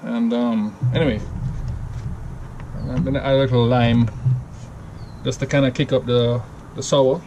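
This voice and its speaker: A home cocktail vlogger, a man with a Jamaican accent, rambles casually through a step-by-step recipe, unhurried and often pausing to correct himself. He speaks at a middle pitch in an easygoing manner. Constant background noise runs beneath the home recording.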